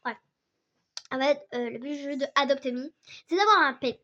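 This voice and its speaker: A young woman with a sore, hoarse throat, rambling excitedly in casual game commentary for her channel. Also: high voice, normal speed. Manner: rambling, excitable, many restarts and fillers. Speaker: gaming channel host. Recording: dull lo-fi recording.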